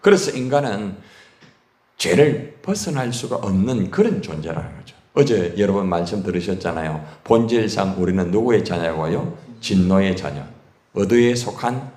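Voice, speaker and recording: A man's voice: low voice, expressive, moderate pace, darkish tone. A man who is a pastor, preaching a sermon and asking his congregation questions. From Korea. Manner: call-and-response questions to the congregation. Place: church sanctuary. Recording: echoey church hall.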